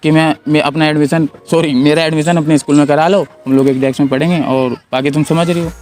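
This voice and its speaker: A man's voice: a little high, flat delivery, quick pace, darkish tone. A young man hosting a prank video, chatting up a stranger in a teasing, pleading, playful way. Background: background music.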